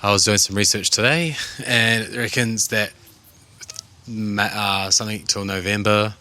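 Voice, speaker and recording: A man's voice: on the low side, steady tone, unhurried, sharp tone. A young man co-hosting a podcast, talking in a laid-back, casual way and swearing often. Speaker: podcast co-host. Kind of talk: casual chat.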